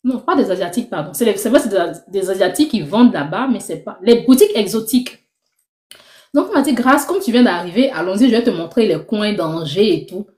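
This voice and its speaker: A young woman giving a lively personal faith testimony, acting out the conversations she tells. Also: medium pitch, brisk. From Ivory Coast. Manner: animated storytelling, acting out dialogue. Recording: roomy echo.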